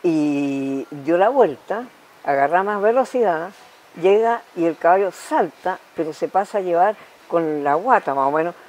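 A Chilean woman in her nineties, a talk-show guest telling lively anecdotes and punctuating them with spoken sound effects. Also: lowish voice, measured pace, rough recording. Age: 90s.

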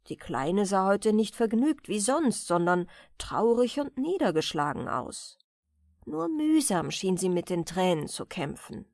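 A woman reading a fairy tale aloud as a soothing bedtime story, in a gentle, expressive manner. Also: medium pitch, a little slow, no echo, clean studio sound. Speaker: audiobook reader.

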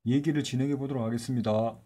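A man's voice: medium pitch, steady tone, dark tone, slightly rough. A man hosting his channel, politely introducing a short film to watch together. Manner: polite, measured. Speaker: video host.

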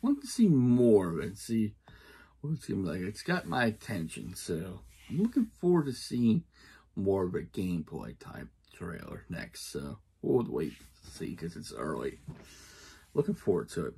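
A young adult man giving casual reaction commentary as a video host, with a husky voice and halting, repetitive phrasing. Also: low-pitched, wildly swooping pitch, mellow. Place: small indoor room at home.

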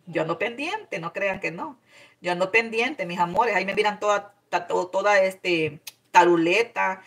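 A woman's voice: on the low side, a bit bright. A woman hosting a casual live stream, reading out viewer comments and greeting each one with affectionate endearments. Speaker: cooking channel host reading live chat.

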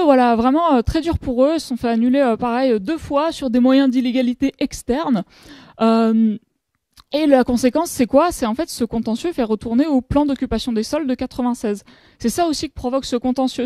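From France and in her thirties, this academic speaker gives a conference presentation at a panel table, repeatedly hesitating and restarting. She has a high, warm voice with no echo.

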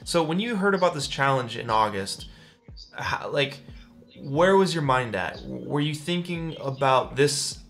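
A man's voice: medium pitch, unhurried, faint music behind. A young man hosting a livestream interview over a headset, talking casually and with lots of eager praise. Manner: energetic, effusive, casual slang. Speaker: livestream host. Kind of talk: casual enthusiastic interview chat. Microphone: headset on video call.

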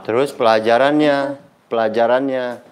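A man's voice: mid-range voice, normal speed, smooth. A middle-aged man, a badminton coach telling stories to teach his players and acting out the dialogue as he goes. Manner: lively storyteller acting out quoted dialogue. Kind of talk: casual coaching talk with anecdotes.

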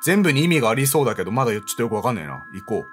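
A man talks through a horror game, joking at his own expense and thinking out loud. His voice swoops up and down a lot. Faint music plays behind him. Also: mid-range voice, very animated, racing. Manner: joking, self-mocking, thinking aloud. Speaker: game streamer. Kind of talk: let's play commentary.

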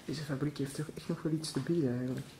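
A man with a Flemish accent narrating an exploration vlog through an abandoned factory, talking in a hushed voice that often drops to a whisper. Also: on the high side, steady tone, fast talker. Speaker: urban explorer vlogger. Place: abandoned factory, large empty halls indoors. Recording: noisy handheld camera audio.

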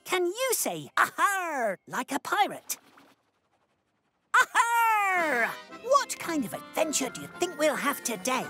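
A woman's voice: very high-pitched, huge pitch swings, slow pace, exaggerated voice. A woman voicing a cheerful male hamster guide in a children's cartoon, bouncy and sing-song. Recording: music bed under voice.

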